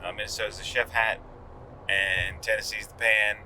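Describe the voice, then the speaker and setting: A man's voice: on the low side, level tone, moderate pace, bright, forceful tone, a little hiss or hum, low-quality recording. A middle-aged man co-hosting a father-daughter podcast, recounting routes and facts in a matter-of-fact way with dry humor. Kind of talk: casual chat.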